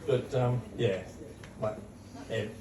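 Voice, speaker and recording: A man, father of the bride, giving a short, emotional, halting wedding speech. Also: mid-range voice, steady tone, heavy background noise. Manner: short, emotional, halting, calls people mate. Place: wedding reception room. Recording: echoey hall, mic far off, loud crowd.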